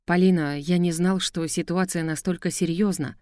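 A woman's voice: on the low side, steady tone, moderate pace, warm tone, no echo, clean studio sound, natural voice. A woman voicing a remorseful young male prince pleading earnestly in an audiobook. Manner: subdued, pleading. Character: remorseful proud young male star prince, now a slave.

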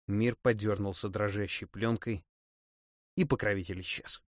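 A man narrating a first-person fantasy audiobook in a dramatic, expressive reading. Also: fairly low pitch, moderate pace, no echo, studio quality.

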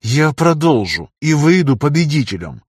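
A man's voice: a little high, animated, normal speed, slightly rough, no room sound, clean studio sound, voice pushed up. A man voicing a stubborn, wounded male arena fighter who answers defiantly through gritted teeth, in an audiobook.

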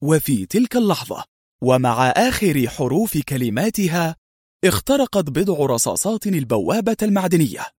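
A man narrating an audiobook thriller with dramatic, animated storytelling. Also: fairly high pitch, breathy edge, dry recording, clean studio sound.

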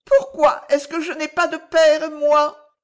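A woman's voice: sits high, level tone, slow, voice pushed up. A woman reading an audiobook and voicing a small, lonely orphan boy who asks pleading questions. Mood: plaintive questioning.

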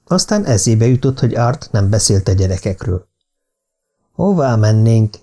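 A man narrating a thriller novel as an audiobook in a steady, even reading. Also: on the low side.

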